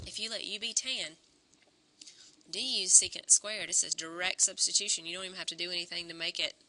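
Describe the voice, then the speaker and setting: A woman teaching a calculus lesson, slightly hoarse and clearing her throat, talking through each step aloud and correcting herself as she goes. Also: fairly low pitch, fairly even intonation, a little fast, sharp tone, slight background noise. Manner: talks through steps aloud, self-correcting. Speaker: math teacher.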